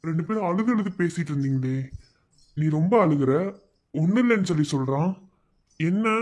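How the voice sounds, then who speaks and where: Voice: mid-range voice, darkish tone, close to an everyday voice. A performer voicing a stern, short-tempered elder brother in a cartoon, demanding answers and raising his voice. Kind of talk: cartoon voice acting.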